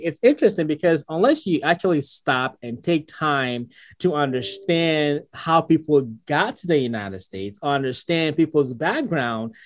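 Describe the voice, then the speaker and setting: A man from Ghana with a Ghanaian accent, hosting a podcast and talking in a lively way, often checking in with "right?". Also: on the high side, dry recording. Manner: animated, asks questions, frequent "right?". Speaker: podcast host. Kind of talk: casual conversation.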